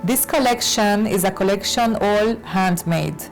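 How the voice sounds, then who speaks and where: A woman fashion designer from Lebanon, raised in Latin America, answering interview questions with many pauses and fillers. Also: medium pitch, faint music behind, rough recording. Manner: hesitant, many fillers and restarts. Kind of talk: conversational interview.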